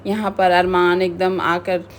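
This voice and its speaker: A woman's voice: on the low side, flat delivery, measured pace, a little hiss or hum. A woman casually recapping a reality show, retelling events in a chatty way with frequent restarts.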